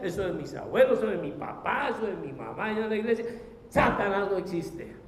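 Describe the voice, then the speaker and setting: High-voiced preacher in an echoey hall. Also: male voice, darkish tone. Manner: impassioned, rhetorical questions. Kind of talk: sermon. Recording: echoey hall, faint noise.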